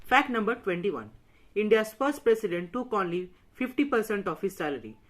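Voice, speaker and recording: A woman, a student presenter, reading a list of facts from a script in a steady, plain way. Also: mid-range voice, moderate pace, over loud music.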